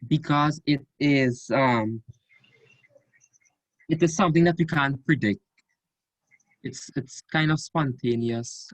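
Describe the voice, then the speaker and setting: A man's voice: mid-range voice, slow pace, pauses often, no room sound, rough recording. A male student answering his teacher's questions in an online class over a video call, hedging his answers. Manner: tentative, hedging.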